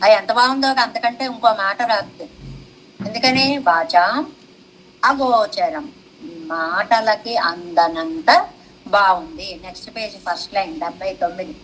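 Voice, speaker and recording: A woman's voice: medium pitch, measured pace, fairly bright tone, a little hiss or hum, poor audio. A woman giving a devotional discourse on scripture commentary, reciting classical verses and then explaining them with rhetorical questions. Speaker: religious teacher.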